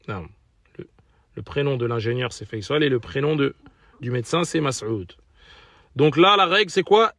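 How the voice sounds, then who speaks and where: A man's voice: medium pitch, fairly bright tone, no echo, clean studio sound. A man teaching an Arabic lesson in French, patiently repeating and spelling out pronunciations for learners. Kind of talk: recorded language lesson.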